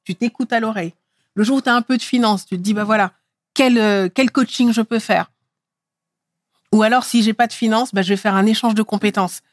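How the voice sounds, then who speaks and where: A middle-aged actress from France speaking in a relaxed interview, lively and emphatic as she tells her story. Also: fairly high pitch, a little fast, no room sound, clean studio sound. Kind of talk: casual interview talk.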